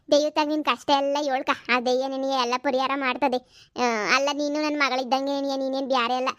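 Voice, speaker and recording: A woman's voice: sits high, a bit bright, dry recording, clean studio sound. A woman playing a bossy older village aunt. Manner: scolding, confident, rustic.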